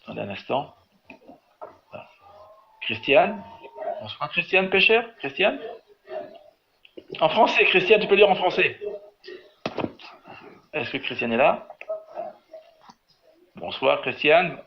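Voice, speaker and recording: A man's voice: fairly high pitch, sing-song, slow pace, creaky, long pauses. A man teaching biblical Hebrew in an online class, calling on students and patiently correcting their reading. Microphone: video call. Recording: slightly dull online audio with faint noise.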